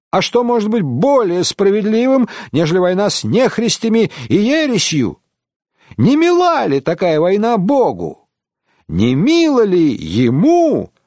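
A man's voice: high voice, a little mellow, dry recording, studio quality, voice pushed up, exaggerated voice. A man voicing a boastful, drunken pilgrim showing off his learning in an audiobook. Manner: exclaiming, bookish show-off.

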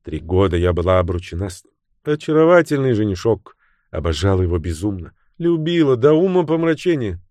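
A cool, sharp-tongued young woman with a mocking edge, as a male narrator puts her on. Her voice sits higher than his own and swings widely. The recording is close and dry. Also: very animated, fairly quick, no room sound.

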